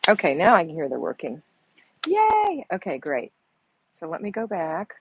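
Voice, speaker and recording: A home organizing coach hosts a live chat, a soft-spoken woman with a drawl who reads comments and coaches viewers in a chatty, motherly way, calling them honey and girls. Her slightly low voice is husky and breathy, with wildly swooping pitch at normal speed. She's recorded on an earbud mic, and the sound is dry and poor.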